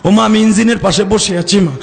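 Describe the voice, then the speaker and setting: A man's voice: sits high, quick pace, gravelly, big-room sound, noisy background. A man preaching voices a young man trapped on a sinking boat, pleading with his mother in a rush.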